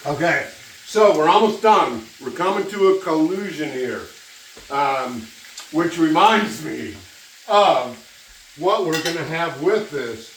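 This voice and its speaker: The voice is far from the mic in a roomy, echoey kitchen with frying noise. It belongs to a giggly, tipsy cooking host who talks at an unhurried pace. The delivery is casual and exclamatory, with plenty of cursing. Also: medium pitch, lively intonation. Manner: giggly, tipsy rambling with frequent laughter; profane, exclamatory. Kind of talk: casual cooking demonstration to camera. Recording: echoey, distant mic, loud sizzle noise. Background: frying sizzle and stirring.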